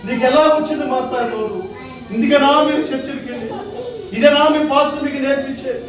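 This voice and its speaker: A man's voice: very high-pitched, fast. A man acting a devoted son in a church drama skit, declaiming with emotion, recorded from far off in an echoey, noisy hall. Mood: outraged. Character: devoted son, pleading then outraged.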